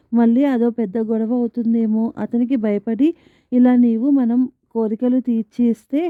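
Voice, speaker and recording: Woman doing a gentle, worried father. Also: fairly high pitch, dry recording, natural voice. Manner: soft and slow. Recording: tinny phone-like band, dry.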